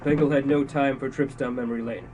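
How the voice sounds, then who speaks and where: A man's voice: mid-range voice, steady tone, quick pace, a little mellow. A young man co-hosting a casual podcast, reading his own comic story aloud and giggling through it. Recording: distant mic, faint background hiss.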